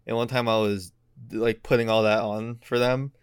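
A man's voice: lowish voice, flat delivery, moderate pace, clean tone, no room sound, studio quality. A man hosting a casual podcast, joking, teasing and swearing freely with lots of laughter. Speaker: podcast host.

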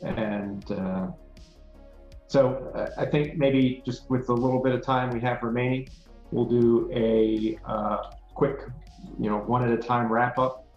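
A man narrating and running a tabletop game as game master, with a halting, deliberate delivery. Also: mid-range voice, fairly even intonation, darkish tone. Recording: muffled, echoey room, faint music.

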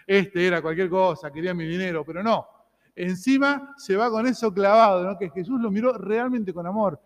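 A man's voice: sits high, in a large hall. A man with a Rioplatense Spanish accent preaching a sermon as pastor, in a conversational way that keeps asking his listeners for agreement. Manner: conversational, asks the congregation "¿no?".

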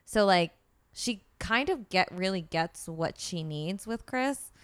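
A young woman on a podcast, talking in a relaxed, chatty way and laughing often. Her voice is smooth and a touch low, and the sound is dry and close. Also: slow, no echo. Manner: chatty, laughs often, quotes herself in mock reactions. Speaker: podcast co-host. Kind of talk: casual chat.

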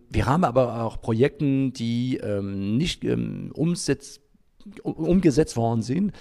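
Speaking unscripted in an interview, a man who founded an environmental association keeps stopping for long stretches while he searches for the right words. His mid-range voice is creaky yet mellow.

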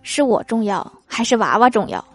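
On a comedy podcast, a woman reads funny anecdotes at a moderate pace in a voice on the high side, with a bit of hiss or hum in the recording. She acts out quotes, laughs at her punchlines, and faint music plays underneath.

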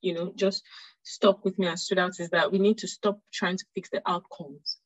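A woman's voice: lowish voice, steady tone, normal speed, slightly rough, dry recording. A woman hosting an interview who asks questions and affirms her guest often. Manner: affirming, frequent murmured agreement. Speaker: host. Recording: dry, dull lo-fi sound.

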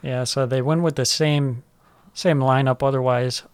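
A man's voice: mid-range voice, steady tone, moderate pace, clear, resonant tone, no room sound. A man co-hosting a sports podcast, casually talking over soccer matches.

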